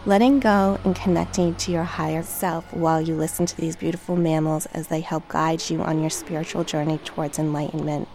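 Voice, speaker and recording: A woman narrating a guided meditation in a calm, gentle, measured and soothing way. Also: low-pitched. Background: relaxation track with music, dolphin and water sounds.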